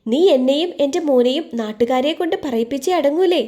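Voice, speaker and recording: Lady putting on a sneering mother-in-law, bit high, soft mellow tone. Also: brisk, natural voice. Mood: scornful. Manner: sneering, scornful. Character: harsh scolding older mother-in-law.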